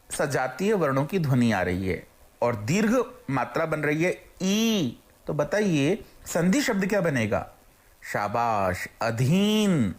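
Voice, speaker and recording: A teacher giving a recorded grammar lesson, asking the class questions and then praising the answers they imagine. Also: medium pitch. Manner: slow, deliberate explaining, drawing out example words.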